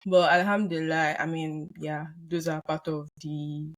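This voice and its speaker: A woman co-hosting a podcast in casual chat, relaxed and often laughing. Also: low voice, normal speed. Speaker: podcast co-host. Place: based in London.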